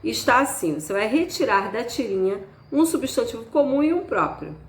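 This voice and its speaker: A woman teacher, slowly and patiently walking students through a worksheet item by item. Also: fairly high pitch, very animated. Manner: slow, patient, spells out each item. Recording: echoey room, faint background ambience.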